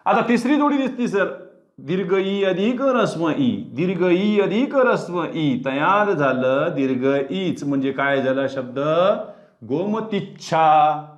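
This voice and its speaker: A man's voice: on the high side, animated, slow pace. A man teaching a grammar lesson online, explaining step by step and asking his students questions. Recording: dull, roomy sound.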